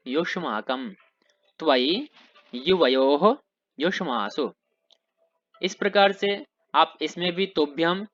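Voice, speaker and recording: A man teaching Sanskrit grammar, slowly reciting word forms one by one and then explaining them in plain, simple terms. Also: on the high side, a bit bright, muffled recording. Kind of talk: recorded grammar lesson.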